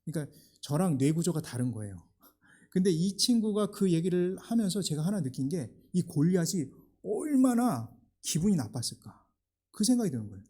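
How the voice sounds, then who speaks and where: A man's voice: high voice, very animated, moderate pace, warm tone, husky. A male pastor giving a sermon, telling stories in a conversational way and building to emphatic preaching. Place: church sanctuary.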